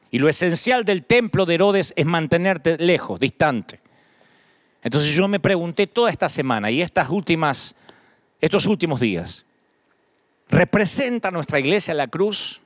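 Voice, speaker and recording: A man's voice: high voice, dry recording, studio quality. A middle-aged man with an Argentine accent, preaching a sermon as pastor, building repeated lists with rising emphasis. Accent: Argentine Spanish.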